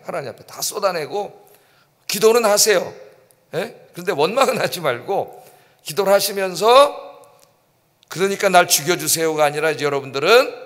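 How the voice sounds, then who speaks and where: Male pastor, high-pitched, lively sermon delivery, long church reverb. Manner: animated, acts out prayers and rhetorical questions. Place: church sanctuary.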